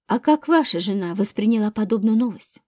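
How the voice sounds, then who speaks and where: A woman's voice: mid-range voice, animated, fairly quick, dark tone, no room sound, studio quality, lightly acted. A woman reading a male police investigator who fires curt, scornful questions in her own voice. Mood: probing. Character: sardonic male police investigator, probing and mocking.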